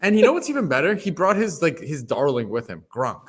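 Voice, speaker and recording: A man co-hosting a casual podcast, full of teasing, excitable banter. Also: a little high, brisk, background noise. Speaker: podcast co-host. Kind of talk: casual chat.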